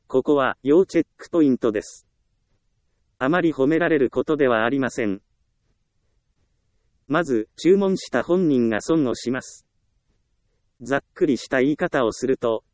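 A man calmly narrating a self-help book, reading advice in an even, instructive way. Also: mid-range voice, dry recording.

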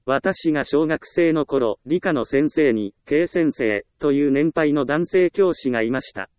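Calm man reading a self-help audiobook. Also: a little high, clean tone, no room sound. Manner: calm, measured reading with even pauses. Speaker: audiobook narrator. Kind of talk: scripted narration of a self-help book.

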